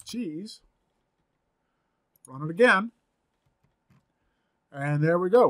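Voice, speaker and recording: A man's voice: on the high side, fairly bright tone. A man in his forties giving a screen-recorded coding tutorial from a home office, thinking aloud as he types, upbeat and chatty. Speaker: programming instructor.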